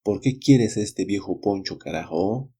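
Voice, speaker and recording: Man reading as a greedy grown son, curt, commanding, husky voice, mellow low tone, storybook tale. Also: expressive, unhurried, exaggerated voice. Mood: angry.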